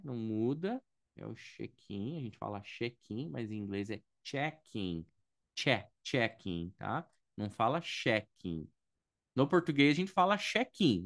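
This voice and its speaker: With a smooth, medium-pitched voice captured in studio quality with no room sound, a man from Brazil teaches English. His relaxed online lesson covers airport vocabulary, and he explains things patiently while thinking aloud and often checking on his students.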